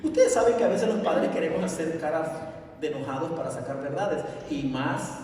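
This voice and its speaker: High, lively male preacher in an echoing hall. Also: moderate pace, a little hiss or hum. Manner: animated, asks the congregation to repeat after him. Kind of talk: storytelling sermon. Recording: echoey hall, voice from far off.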